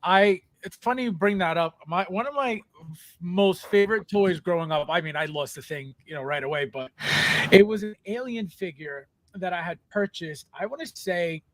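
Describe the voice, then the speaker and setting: A Spanish-native man from Colombia hosts a laid-back podcast with a clearly high voice, stopping and restarting his sentences as he goes. The sound is dry and close, with no room in it. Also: fairly bright tone, no room sound. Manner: halting, full of restarts. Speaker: podcast host. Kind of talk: casual podcast chat.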